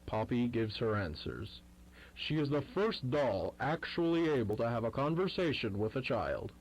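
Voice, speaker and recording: An eager announcer in an old-fashioned toy commercial, his mid-pitched voice rising and falling in a lively way. Every line is pitched as a grand sales promise. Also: measured pace, breathy edge, low-quality recording. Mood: salesy. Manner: showy, selling pitch. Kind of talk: vintage commercial voice-over.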